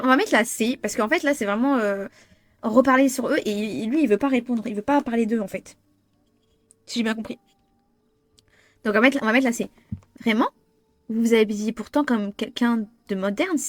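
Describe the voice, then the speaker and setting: Young woman streamer voicing a visual novel; excitable, cursing, slightly high, dry close sound. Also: no room sound. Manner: excitable, swears, restarts lines. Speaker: gamer. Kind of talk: playing a visual novel aloud.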